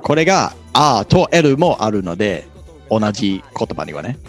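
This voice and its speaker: A man runs a relaxed pronunciation lesson, modelling words slowly and cheering each attempt. His voice swings widely in pitch as he encourages, and soft music plays faintly underneath. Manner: lively, encouraging, laughs often. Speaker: English pronunciation teacher.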